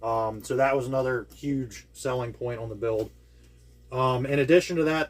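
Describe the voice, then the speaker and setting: A man hosting his own hobby channel, walking through a build in a casual, enthusiastic way, rambling and full of ums and uhs, talking indoors at home. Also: mid-range voice. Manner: enthusiastic, rambling with many fillers. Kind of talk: casual product walkthrough. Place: indoors at home with air conditioning.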